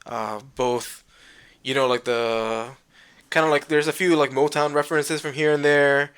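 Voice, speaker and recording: A man's voice: a little high, fairly even intonation, a little slow, fairly bright tone, clear, resonant tone. A man co-hosting a podcast, chatting casually about albums with many fillers and restarts. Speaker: podcast co-host. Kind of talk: casual music chat.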